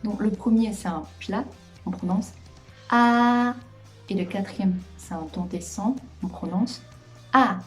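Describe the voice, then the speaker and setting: A woman teaches in a calm, clear way and lingers over each example sound. Her voice is mellow and relaxed. Soft background music runs beneath the lesson. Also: medium pitch. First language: Mandarin Chinese. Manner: clear, patient explaining with drawn-out example syllables. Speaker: Chinese language teacher. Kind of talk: video lesson.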